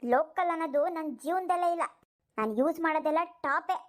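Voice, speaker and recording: A woman's voice: high voice, fast talker, lightly acted. A woman voicing a vain, quarrelsome young daughter-in-law in a cartoon. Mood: indignant. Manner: accusing, indignant. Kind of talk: cartoon voice acting.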